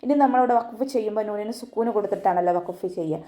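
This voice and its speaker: A woman leads an online tajweed lesson in a warm, mellow voice. She explains each rule patiently and step by step, often closing with a soft tag word, then chants the verse words slowly and high. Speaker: Quran recitation teacher.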